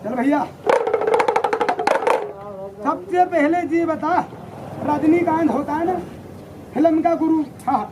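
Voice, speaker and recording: A man's voice: extremely high pitch, takes it slowly, long pauses, loud music behind the voice. A man performing a rowdy, teasing comic street show for a crowd, switching between the voices of his characters. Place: outdoors on a busy street. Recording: noisy outdoor crowd recording.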